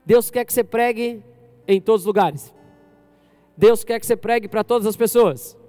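A man from Brazil preaching a lively sermon to his congregation as pastor, often questioning the crowd directly. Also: high-pitched, moderate pace, faint music behind. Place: church service.

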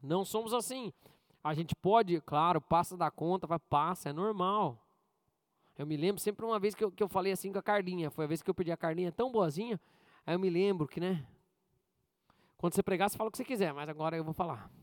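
A male pastor giving a conversational sermon with jokes and personal stories, often asking the congregation questions and swinging between loud high bursts and quiet asides. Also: fast talker, no room sound.

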